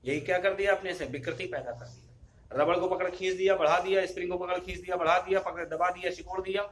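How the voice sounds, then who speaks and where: Physics teacher, male, high voice, echoey room with faint noise, quizzes the class and answers himself. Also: fairly even intonation, fast talker. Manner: asks students questions and answers them himself; addresses students fondly as children. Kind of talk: classroom lecture.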